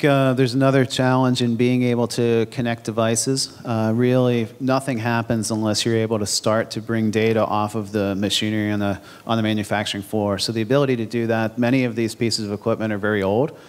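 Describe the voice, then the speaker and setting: A man in his forties speaking on a conference panel into a handheld mic, in a businesslike, even manner. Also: on the low side, fairly quick. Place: large conference hall stage. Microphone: handheld microphone.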